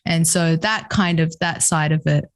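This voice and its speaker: A woman in her forties talks through her career in a relaxed interview. Her voice sits a little low, and she speaks candidly and reflectively, with easy laughs between thoughts. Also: unhurried. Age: 40s. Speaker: guest entrepreneur. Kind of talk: casual interview conversation.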